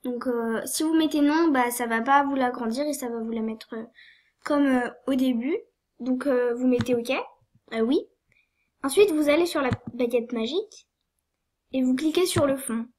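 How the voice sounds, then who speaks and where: Young woman, high voice, sniffly with a cold, hesitant, lots of fillers, casual tutorial. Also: moderate pace, a little mellow, a little hiss or hum. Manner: hesitant, many fillers and apologies, giggly. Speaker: tutorial maker. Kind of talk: screen-recorded game tutorial.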